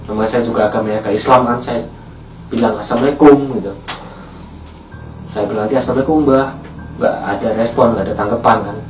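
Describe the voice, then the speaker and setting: A man tells a horror story in a loose, chatty way and keeps talking to his listeners as guys. His voice has an ordinary middle pitch. It is recorded away from the mic in an echoey room, with music playing behind. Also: little pitch movement, quick pace, pauses often, recorded from a distance. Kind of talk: casual horror story narration.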